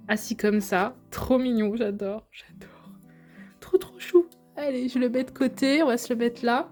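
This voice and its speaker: A woman's voice: fairly high pitch, darkish tone. A young woman, chatting to viewers as she unboxes figures, gushing over how cute they are. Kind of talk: casual unboxing vlog.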